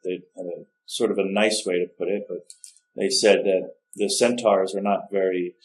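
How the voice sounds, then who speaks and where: A man's voice: deep voice, steady tone, moderate pace, a little hiss or hum, poor audio. A man casually narrating a digital coloring tutorial, rambling and correcting himself, often unsure how to pronounce names. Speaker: art tutorial host.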